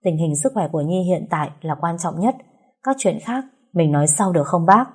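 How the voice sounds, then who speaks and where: A woman voicing a calm, protective young man who speaks softly and reassuringly. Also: lowish voice, a little fast, natural voice. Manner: soft, reassuring. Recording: roomy echo.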